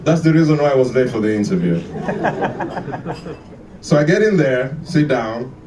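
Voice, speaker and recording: A man's voice: medium pitch, sing-song, moderate pace, a crowd in the background, background noise. Stand-up comic, man from Kenya, storytelling and acting out bits, echoey room, distant mic. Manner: storytelling, acts out dialogue with shifting voices. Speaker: stand-up comedian. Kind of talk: stand-up comedy set. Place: live comedy venue with audience.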